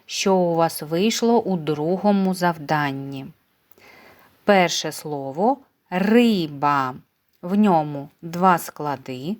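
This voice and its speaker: A woman teaches first graders in a slow, deliberate way, spacing out each word. Her voice sits a little low, and her manner is patient and kindly, the way one talks to small children. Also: a little mellow. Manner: patient, careful, uses diminutives for children. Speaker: primary school teacher. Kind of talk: slow, clear dictation lesson for first graders.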